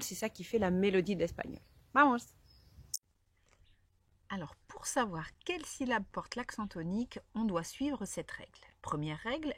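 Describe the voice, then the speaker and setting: A woman teacher calmly explaining pronunciation rules step by step to learners. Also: medium pitch, no room sound. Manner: clear, methodical explaining, addresses learners directly. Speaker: Spanish teacher. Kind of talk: explaining a language lesson to camera.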